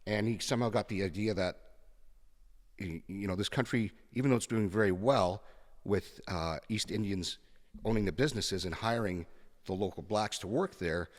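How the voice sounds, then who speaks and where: Deep-voiced guy in his 50s, blunt guest telling a story, echoey room. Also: moderate pace. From Kenya. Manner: frank and blunt, storytelling with fillers. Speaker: podcast guest. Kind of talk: conversational interview.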